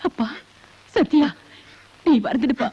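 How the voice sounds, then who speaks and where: An actress dubbing a devoted foster mother who softly consoles her son. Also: a little slow. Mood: consoling. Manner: soft, consoling, low. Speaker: dubbing actor. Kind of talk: dubbed film acting. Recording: muffled film soundtrack with loud music.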